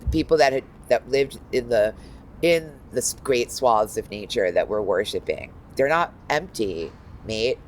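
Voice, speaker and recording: A woman in her fifties, a guest art critic, talking in a lively, animated way full of asides. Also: very deep voice, measured pace, slight background noise, low-quality recording. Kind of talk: casual interview talk.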